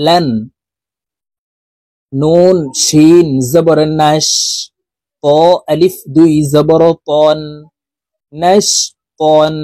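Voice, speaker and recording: A man teaching Quran reading, spelling out syllables slowly and adding quicker, quieter explanations. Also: fairly high pitch, no room sound. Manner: drawn-out spelling drills, quicker quieter asides. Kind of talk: slow recited lesson with explanations.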